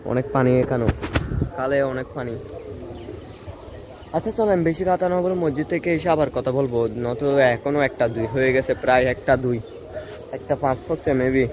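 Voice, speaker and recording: A man's voice: medium pitch, a little fast, pauses often. Young man vlogging outdoors, chatty. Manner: chatty, keeps asking the viewer "understand?"; drops to a hushed voice when people pass. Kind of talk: casual handheld vlog narration. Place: outdoors in a rainy rural village. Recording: outdoor phone audio with clear ambient noise.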